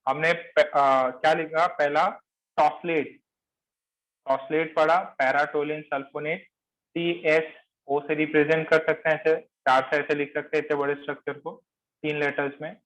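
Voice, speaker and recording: Slow, higher-voiced teacher quizzing students. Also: male voice, little pitch movement, fairly bright tone, poor audio. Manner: repeats key terms and quizzes students; mixes English phrases into Hindi explanation. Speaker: chemistry teacher. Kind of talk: classroom lecture.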